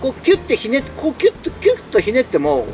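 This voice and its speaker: Guy rambling to his stream from inside a tent in the rain, high voice, bounces around a lot. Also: wildly swooping pitch, fast talker, a little mellow, faint music behind. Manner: chatty, exclamatory, answers viewer comments. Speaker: solo camping streamer. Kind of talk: casual live-stream chat while camping. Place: inside a tent while it rains.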